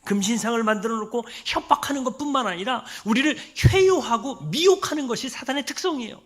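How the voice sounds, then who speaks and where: A male pastor preaching in a church with a high, bright voice. He presses his points hard and keeps turning to the congregation with rhetorical questions. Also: animated, fast talker. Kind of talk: sermon.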